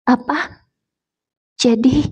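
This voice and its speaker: Woman putting on a fussing high-voiced mother. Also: fairly even intonation, extremely slow, a little mellow, slightly rough, heavily acted. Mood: shocked. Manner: fussing, scolding lovingly. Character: elderly mother, talkative and doting.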